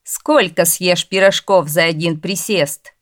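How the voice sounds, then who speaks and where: A woman voicing haughty, mocking noble gentlemen in a storybook reading. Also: fairly low pitch, steady tone, takes it slowly. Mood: jeering. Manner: scornful, jeering, loud.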